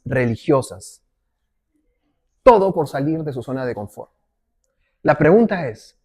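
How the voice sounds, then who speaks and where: A man's voice: mid-range voice, darkish tone, husky. Man preaching a conversational sermon. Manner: conversational preaching, often asks ¿ok? and acts out short quotes. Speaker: pastor.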